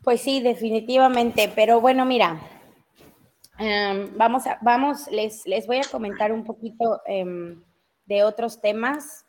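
A woman from Mexico with a Mexico City Spanish accent hosts a casual live news chat. Her voice is on the high side with a darkish tone and a measured pace, and she talks freely and at length, with many fillers and self-interruptions.

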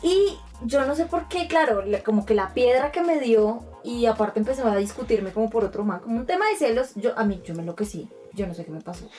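A woman, chatting casually as co-host and telling expressive stories, acting out quotes. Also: fairly high pitch, a little fast, hardly any pauses, far from the mic, faint music behind. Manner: expressive storyteller, acts out quotes. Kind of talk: casual chat.

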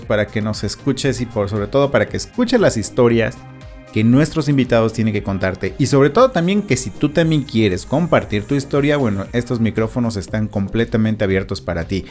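A man's voice: medium pitch, a little mellow. Male podcast host, friendly. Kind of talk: podcast interview.

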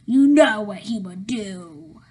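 A woman's voice: medium pitch, slow pace, voice pushed down, close to an everyday voice. A woman voicing a threatening male henchman boss in a family audio drama, speaking in a commanding manner. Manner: commanding, menacing.

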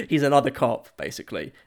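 Man, casual podcast co-host, mid-pitched, laughs through his retelling of a movie. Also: sing-song, vocal fry. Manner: laughs often while retelling scenes, halting restarts. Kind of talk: casual chat.

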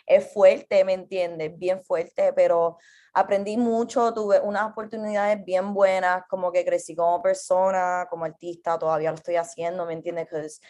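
A woman in her twenties with a Puerto Rican accent, a guest on a casual podcast interview, who talks in a relaxed way and switches languages within sentences. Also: lowish voice, moderate pace. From Puerto Rico. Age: 20s. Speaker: guest artist.

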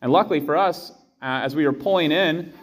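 An American man in his thirties, a priest, reading scripture and giving a homily in measured, deliberate phrases. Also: fairly high pitch. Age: 30s. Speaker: priest preaching. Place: indoors, in a church.

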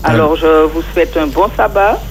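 A woman's voice: low voice, normal speed, faint music behind. A radio show caller, a woman, comes through over a phone line. She talks fervently and heaps greeting upon blessing. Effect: heard over a phone line on air.

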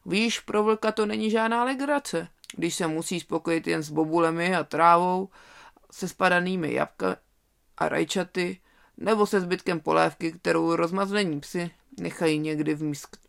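Old toothless wolf grumbling away, gravelly, a bit raised voice, read by a storyteller. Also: mid-range voice, fairly bright tone.

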